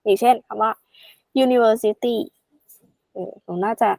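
A woman tutoring a student in a casual, chatty way, addressing the learner affectionately and slowing right down to spell out English examples. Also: fairly high pitch, flat delivery, vocal fry, mellow, no room sound.

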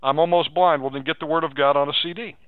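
A fast-talking man whose voice is a little high preaches and counsels live on air, with fairly even intonation. He urges and exhorts, repeats phrases, and asks leading questions. The radio audio is tinny and phone-like, without echo.

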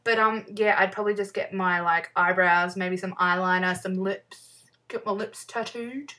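A woman's voice: mid-range voice, steady tone, moderate pace, bright, forceful tone, far from the mic. Giggly New woman vlogging. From New Zealand. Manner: chatty, giggly, many "um"s, easily sidetracked. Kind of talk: casual chat answering fan questions.

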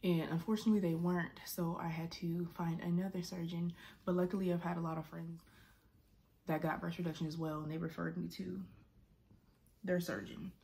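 This casual bedroom vlog features a woman in her twenties speaking to a desk-distance camera, looping back and restarting with plenty of "like." Her voice is low, dark and level, fairly quick, with heavy vocal fry trailing off her phrases.

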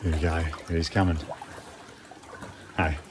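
A low-pitched middle-aged man vlogs on a phone held at arm's length. He talks casually and slangily in a laid-back way. Water splashes clearly behind him in an outdoor rocky canyon. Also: little pitch movement, slow pace, very noisy. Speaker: vlogger. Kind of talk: casual chat to camera. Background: splashing, running water.

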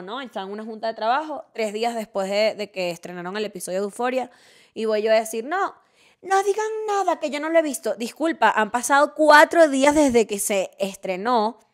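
A woman with a Venezuelan accent, hosting a casual monologue, talking in an animated, opinionated way and rambling through asides and restarts. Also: a little high, a little fast. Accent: Venezuelan Spanish. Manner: animated, opinionated and playfully ranting; chatty with frequent restarts and asides. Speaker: podcast host.

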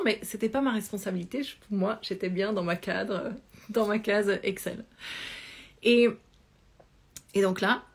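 A woman's voice: mid-range voice, breathy edge. Woman in her thirties, yoga coach telling her life story at home into a close camera, chatty, lots of fillers and restarts. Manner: chatty, animated hand gestures, many fillers and restarts. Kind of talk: casual personal storytelling. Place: small indoor room at home. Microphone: phone or webcam close to face.

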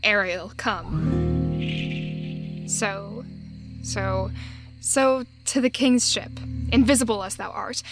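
Woman playing Prospero, a slow, grand sorcerer-duke. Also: medium pitch, over music. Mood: brisk, commanding. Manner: grand, declamatory, deliberate. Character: commanding exiled duke sorcerer Prospero, solemn and grieving. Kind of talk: Shakespearean radio play acting in verse.

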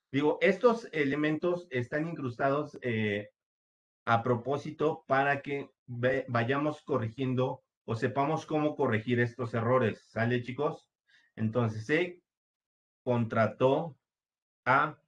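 Male teacher, unhurried and methodical, mid-pitched voice, talks through a screen-share lesson. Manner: slow, patient, step-by-step with many fillers.

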